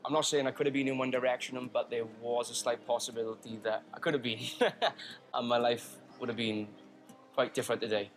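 Young man, contestant interview, relaxed, self-deprecating, music behind. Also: mid-range voice, a little fast. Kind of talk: interview reflection. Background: music underneath.

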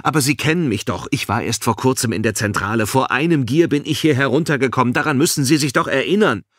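A man voicing a panicky young translator who pleads and shouts in a high, strained voice. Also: fairly quick, no echo, studio quality, close to an everyday voice. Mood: pleading. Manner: frantic, pleading.

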